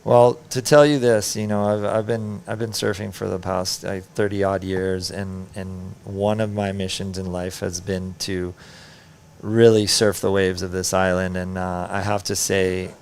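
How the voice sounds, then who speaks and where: A man's voice: deep voice, level tone, a little slow, a little mellow, clean tone. A middle-aged man giving conversational live commentary as a surf contest announcer.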